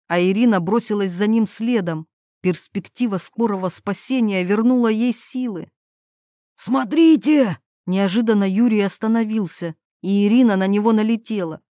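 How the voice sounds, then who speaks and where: Female audiobook narrator, mid pitch, measured, dry close sound. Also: darkish tone, no room sound. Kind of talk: scripted narration.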